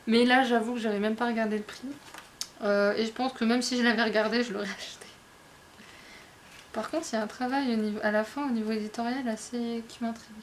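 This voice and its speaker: Chatty woman with a higher voice. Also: fairly even intonation, fast, a little hiss or hum. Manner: chatty, hesitant, many fillers, laughs often. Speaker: book vlogger. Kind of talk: casual book haul chat.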